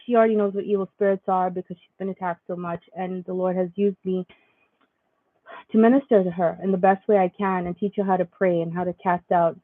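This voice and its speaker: A woman's voice: fairly low pitch, no room sound. A young woman vlogger telling a faith story in a rambling way, full of fillers and restarts. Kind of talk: casual spiritual vlog monologue. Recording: dry tinny lo-fi sound.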